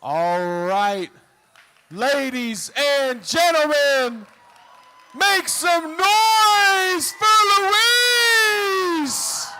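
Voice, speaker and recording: A man announcing a powerlifting meet live, working up the crowd like a showman with booming calls, drawn-out numbers and urging. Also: bright, forceful tone, raised voice. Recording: crowd noise in a live venue.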